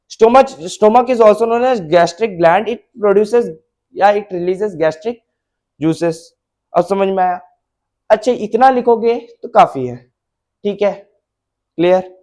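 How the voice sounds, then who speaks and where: A man's voice: high voice, darkish tone. A male biology teacher lecturing at a board, mixing Hindi and English, repeating key terms and checking that students follow.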